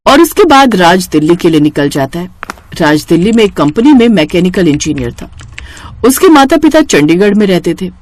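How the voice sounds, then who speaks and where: Lively woman narrating a story. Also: on the low side, moderate pace.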